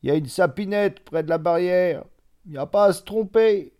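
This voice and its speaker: A man voicing a gruff country farrier who calls out directions loudly in a storybook reading. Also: high voice, moderate pace, voice pushed up, lightly acted. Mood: helpful. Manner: loud, calling out.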